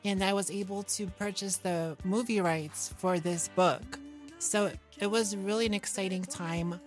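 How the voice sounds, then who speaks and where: A woman from New York, United States, chats casually as an interview guest, her manner guileless, self-deprecating and simply worded. Her mid-range voice keeps a fairly even intonation at a measured pace, with faint music in the background.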